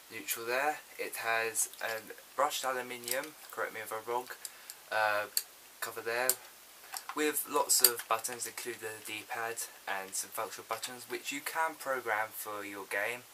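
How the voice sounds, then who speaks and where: A man chatting casually and haltingly as he presents an unboxing, recorded on a built-in camera microphone. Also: fairly low pitch. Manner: informal, halting, thinking aloud. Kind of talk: casual unscripted vlog chat. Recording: loud hiss, clicks, built-in camera mic.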